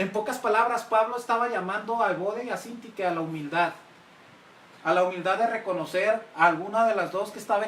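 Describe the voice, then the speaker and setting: A man's voice: high-pitched, fairly bright tone. A male pastor giving a sermon who keeps turning to the congregation with questions. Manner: engaging, questions the congregation often. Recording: roomy, mic at a distance, faint hiss.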